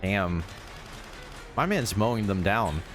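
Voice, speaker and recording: A man's voice: lowish voice, animated, slow, soft background music. A man giving casual, sweary reaction commentary as a streamer, with incredulous asides.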